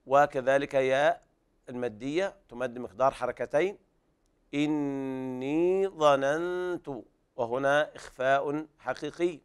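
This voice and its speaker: A man teaching Quranic recitation rules on television, stretching each recited phrase out slowly, then explaining it in a careful, didactic way. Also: medium pitch, clear, resonant tone. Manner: slow drawn-out recitation between brisk explanations. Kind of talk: tajweed lesson, recited verses with explanations. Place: television studio.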